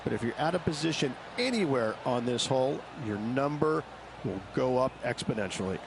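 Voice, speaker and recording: A man's voice: medium pitch, animated, moderate pace, creaky, noisy background. A man playing a folksy, explanatory golf analyst commentating in a video game. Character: male golf analyst explaining course strategy.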